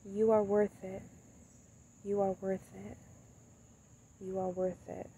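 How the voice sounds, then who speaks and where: A young woman speaking softly and haltingly into her phone in the woods, sharing thoughts and reading a poem she wrote. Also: medium pitch, little pitch movement, a little hiss or hum. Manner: soft and halting, many pauses and fillers. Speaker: spoken word poet. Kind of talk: casual reflective talk and poetry reading. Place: outdoors in woods, beside a tree. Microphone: phone camera at arm's length. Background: crickets and insects outdoors.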